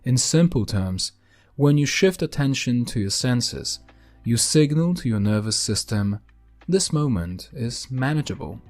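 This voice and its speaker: A man hosting a podcast in a calm, gentle, unhurried way, narrating a scripted grounding exercise with deliberate pauses. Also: mid-range voice, faint music behind. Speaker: podcast host.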